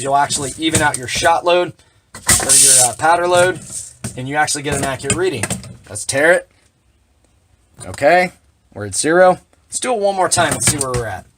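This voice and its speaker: A man with a slightly higher voice, working through a hands-on demonstration of his equipment. He talks plainly and throws in dry, sarcastic asides. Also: a bit bright, slight background noise. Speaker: shotgun reloading demonstrator.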